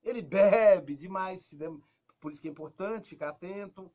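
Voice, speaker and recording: On a talk show, a man with a Brazilian Portuguese accent gives casual advice at normal speed. He's lively, acting out quoted lines and dropping into a soft, low voice.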